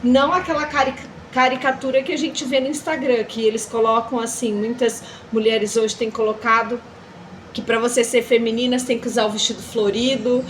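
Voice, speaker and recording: A woman's voice: fairly high pitch, flat delivery, brisk, slight background noise, rough recording. A Brazilian woman talking earnestly as a mentor, teaching about faith and womanhood. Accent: Brazilian Portuguese. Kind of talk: casual faith-based chat.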